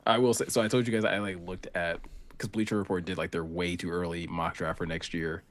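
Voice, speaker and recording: A man co-hosting a casual sports podcast, animated and quick to laugh, with lots of filler words. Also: low-pitched, slight background noise.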